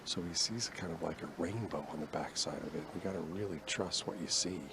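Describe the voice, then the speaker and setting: Very low-voiced male golf commentator, analytical. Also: a little fast, gravelly, very noisy. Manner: explanatory, analytical.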